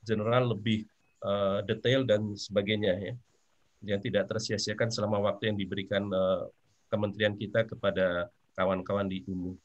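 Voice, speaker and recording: A male visiting professor giving formal remarks at a meeting, hesitant and full of pauses. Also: on the low side, dull audio. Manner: hesitant, many fillers.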